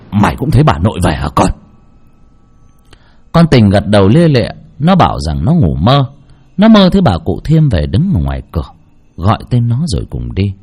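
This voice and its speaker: Brief: male narrator, low dark husky voice, animated rise and fall. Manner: dramatic, tense delivery. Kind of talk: horror storytelling.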